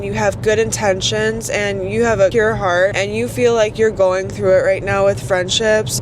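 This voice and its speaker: A woman's voice: medium pitch, background noise. A young woman in her twenties vlogging in a casual, bubbly, gushing and earnest way. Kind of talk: casual vlog chat.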